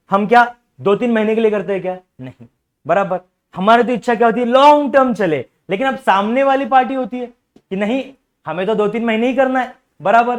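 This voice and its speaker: A young man teaching a commerce class, repeatedly quizzing students and coaxing them to ask doubts. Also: sits high. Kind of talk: classroom lecture.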